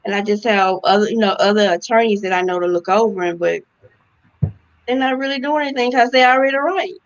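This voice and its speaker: A woman from Louisiana, a guest in a casual interview, giving relaxed, short answers. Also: mid-range voice, fairly quick, highs cut off. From Louisiana, USA. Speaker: guest, real estate investor.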